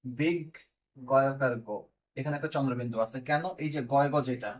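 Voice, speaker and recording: A man's voice: medium pitch, fairly even intonation, a little fast. A man teaching a pronunciation lesson step by step. He speaks Bengali with a Bangladeshi accent, asks his students questions and then answers them himself.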